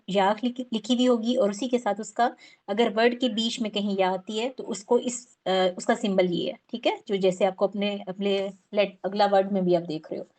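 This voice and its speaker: A woman's voice: medium pitch, a little mellow. A woman teaching a recitation class, explaining patiently step by step and drawing out example words.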